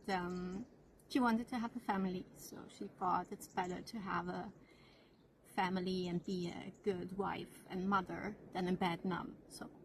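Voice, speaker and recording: A woman telling her life story to camera in a soft-spoken, reflective way that often trails into a near-whisper. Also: lowish voice, a little hiss or hum, poor audio. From Austria. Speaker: channel host.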